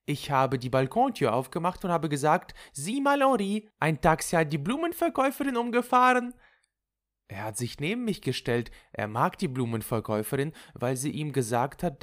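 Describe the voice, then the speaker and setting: A woman's voice: very deep voice, lively intonation, moderate pace, few pauses, pitched above the performer's own voice. A reader voicing Loulou, a flighty and impulsive young woman who chatters in a gossipy way, in an audiobook. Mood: chattering. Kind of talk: audiobook character voice.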